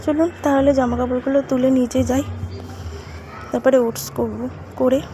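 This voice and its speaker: Slightly hoarse woman vlogging at home. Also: high voice, fairly even intonation, moderate pace, mellow, soft background music. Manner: chatty, talks to viewers while doing chores. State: hoarse from a cold. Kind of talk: casual home vlog narration.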